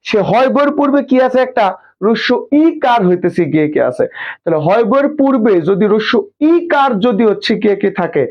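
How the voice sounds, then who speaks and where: A man teaching an exam prep lesson, asking questions and answering them himself and drilling pronunciation slowly. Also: extremely high pitch, dull audio.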